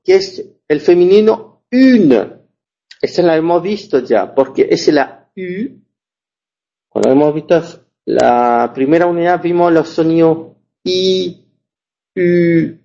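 Male language teacher, slow and patient, husky dark voice, dull lo-fi recording. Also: fairly high pitch. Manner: slow, repeats and checks understanding often. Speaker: French teacher. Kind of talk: language lesson.

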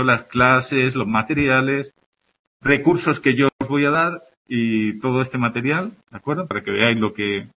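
Through a rough recording, this Andalusian tutor's mid-range voice sounds fairly bright and slightly rough. The middle-aged man, accented in Andalusian Spanish, delivers a friendly introductory class lecture for a university access course and checks in with students frequently.

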